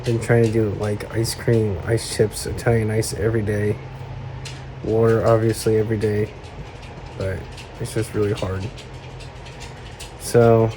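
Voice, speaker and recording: A man giving a casual vlog update in a thick, strained swollen-throat voice, weak, in pain and halting as he struggles to talk. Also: on the low side. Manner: subdued, halting. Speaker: vlogger. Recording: clear room hum and noise.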